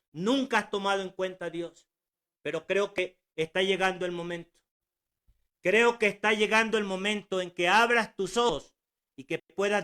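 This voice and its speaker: Pushed and bright, his voice sitting high, a man in his sixties preaches at home. He exhorts earnestly, leaning on rhetorical questions and repeated phrases.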